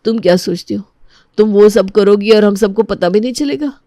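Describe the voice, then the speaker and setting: A woman's voice: mid-range voice, normal speed, dark tone, dry recording, studio quality, lightly acted. A woman voicing an upset young husband who accuses a relative. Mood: accusing.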